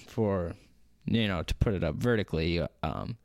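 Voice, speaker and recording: A man's voice: sits low, normal speed, gravelly, darkish tone, no room sound, clean studio sound. A young man co-hosting a casual podcast, telling a work story with many fillers and restarts and laughing often. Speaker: podcast co-host.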